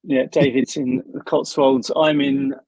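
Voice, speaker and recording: A man's voice: mid-range voice, level tone, measured pace, darkish tone, dry recording, poor audio. A man hosting a webinar, chatty and welcoming, joking lightly with his guests over a video call. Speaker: webinar host. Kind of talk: casual webinar welcome chat.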